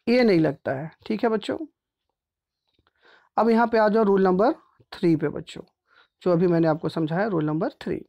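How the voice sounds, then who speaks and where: A man's voice: high voice, darkish tone. A man teaching a grammar lesson step by step. He speaks patiently, repeats points, and often checks in with his pupils.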